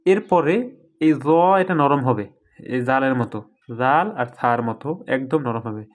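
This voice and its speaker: A man giving a recorded reading lesson, talking through letter sounds one by one. He explains patiently, at a mid pitch, and stretches out each example sound slowly so it is clear. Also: lively intonation. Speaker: Quran reading teacher.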